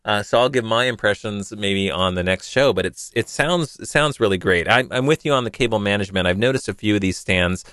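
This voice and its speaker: A man's voice: on the low side, a little fast, hardly any pauses, fairly bright tone, no echo. A man hosting a podcast, chatting casually and rambling a little as he answers a listener. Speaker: podcast host. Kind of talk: casual tech podcast talk.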